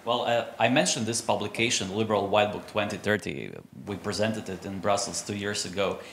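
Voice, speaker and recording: A man's voice: lowish voice, steady tone, brisk, a bit bright, a little hiss or hum. Man arguing on a panel. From Croatia. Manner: earnest, self-correcting, many restarts. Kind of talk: panel discussion.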